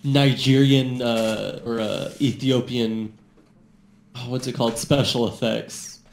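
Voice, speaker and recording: A man's voice: medium pitch, fairly even intonation, slow pace, gravelly. A young man talking casually as a podcast guest, stammering with lots of fillers and giggling often. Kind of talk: casual chat. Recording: roomy mic with faint background noise.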